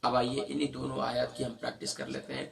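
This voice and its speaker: A man with a sore throat teaching a Quran recitation lesson, spelling out words syllable by syllable and slowly drawing out the verses between quicker explanations. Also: mid-range voice, monotone, gravelly, recorded from a distance.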